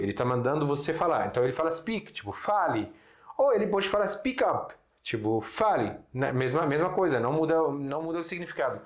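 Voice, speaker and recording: A man from Syria giving a casual language lesson. He explains patiently, repeats words and keeps checking in with the listener. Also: a little high. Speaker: Arabic teacher. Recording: roomy echo.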